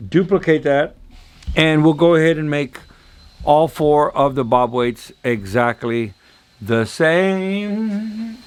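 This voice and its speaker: A man, casually demonstrating engine balancing in a workshop in a playful, chatty way. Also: a little high. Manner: chatty, playful, talks to viewers as y'all. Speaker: machinist teaching engine balancing. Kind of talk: casual hands-on shop demonstration.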